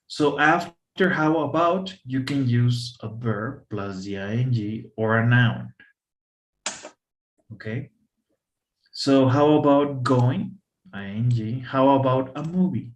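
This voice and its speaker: A man tutors English over a video call at an unhurried, deliberate pace. He explains each grammar point patiently and repeats examples one after another. His pitch sits at a middle level. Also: animated.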